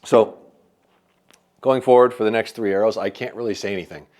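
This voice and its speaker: Testing a bow at a shop, a man talks casually through each measurement as he works, in an upbeat manner, mentioning that he has a loud voice. His voice is lowish and a little fast, with fairly even intonation.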